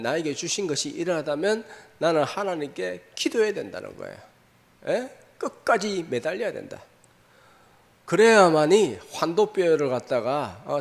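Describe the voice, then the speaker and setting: A man's voice: a little high, creaky, long reverb tail. A man pastor giving a sermon, emphatic, repeating his lines and asking the congregation questions. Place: church sanctuary.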